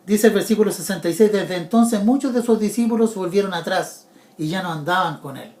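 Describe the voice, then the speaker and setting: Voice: mid-range voice, brisk, a little mellow, echoey room. A preacher giving an earnest sermon, repeating key points and speaking directly to the listener as a brother.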